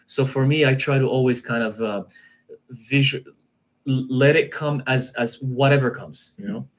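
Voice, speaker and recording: Relaxed man chatting with repeated phrases. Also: medium pitch. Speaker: guest practitioner. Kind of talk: casual live-stream conversation.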